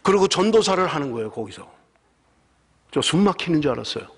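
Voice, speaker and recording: A middle-aged male pastor from South Korea delivers a sermon, moving from lively storytelling to emphatic exhortation. His voice sits fairly high and swings widely in pitch, with a husky edge. The recording carries the long reverb of a church sanctuary. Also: quick pace. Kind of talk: sermon with personal anecdotes.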